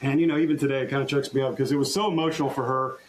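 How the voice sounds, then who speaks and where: A man's voice: mid-range voice, fairly even intonation, slight background noise, low-quality recording. Earnest storytelling male trial lawyer. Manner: earnest, halting restarts, recounts courtroom exchanges. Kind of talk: conversational storytelling interview.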